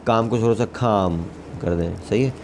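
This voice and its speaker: A man whose first language is Urdu, teaching an English lesson. He repeats each word slowly several times and then gives its meaning. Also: on the low side, darkish tone, a little hiss or hum. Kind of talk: slow vocabulary and grammar lesson.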